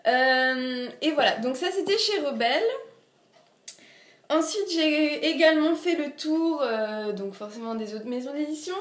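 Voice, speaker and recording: A young woman with an Alsatian accent talks in a high, bright voice, chatty and full of little hesitations. She pokes fun at herself as she shows off her books. The sound is roomy and echoey. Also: unhurried. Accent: Alsatian French. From Alsace, France. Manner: chatty, many fillers, self-mocking. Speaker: book vlogger. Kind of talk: casual book haul vlog. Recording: echoey room.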